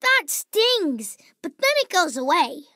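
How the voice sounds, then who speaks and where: Cartoon game role: eager young boy tiger, friendly, slow, simple delivery, bright tone, close dry sound. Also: very high-pitched, sing-song, no room sound, exaggerated voice. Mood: cheerful, friendly.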